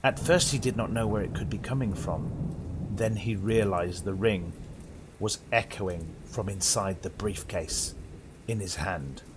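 A young British man with a low voice hosts and narrates a horror story, speaking a little slowly over some background noise. His delivery is dramatic and suspenseful, theatrical in the style of old radio.

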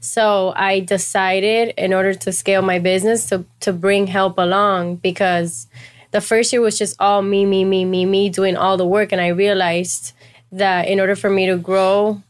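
A woman's voice: medium pitch, little pitch movement, moderate pace, clear, resonant tone. A young woman born in Cuba, a realtor guest on a podcast, explaining her business at length in casual chat. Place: small office studio. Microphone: boom mic on desk.

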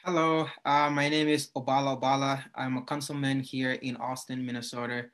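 A man from Ethiopia, a city councilman, introducing himself haltingly with many fillers on a video call. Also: medium pitch, level tone, fairly bright tone.

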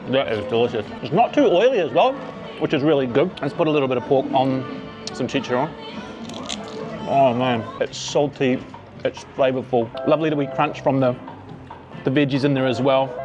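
A food vlogger in his forties with a New Zealand accent excitedly tastes food and tours rooftop bars, both outdoors and under cover, on a handheld camera. He's chatty and enthusiastic, exclaiming over the food in a medium-pitched voice, with music playing behind him in this casual food and travel vlog.

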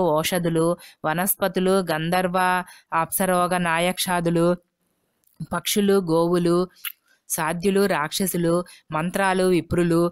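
A woman giving a scripted devotional recitation of scripture, reading in a steady, measured way and listing names slowly and deliberately. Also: lowish voice, smooth, dry recording.

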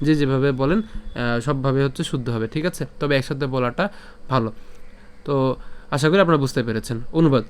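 A man teaches how to pronounce Sanskrit verses, breaking words apart sound by sound with patience and chanting the lines slowly. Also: mid-range voice, clean tone. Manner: patient, explains sound by sound and checks in with "okay?". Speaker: Gita recitation teacher.

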